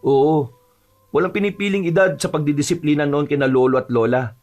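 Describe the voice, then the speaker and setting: A man's voice: on the high side, fairly even intonation, fairly quick, a little mellow. A man narrating an audio horror story and voicing its earnest lead character.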